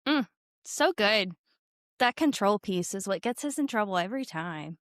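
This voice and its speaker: A woman's voice: mid-range voice, animated, moderate pace, fairly bright tone, no echo, clean studio sound. A woman hosting a faith podcast, playful and self-teasing as she asks her guest questions. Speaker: podcast host. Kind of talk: casual podcast interview.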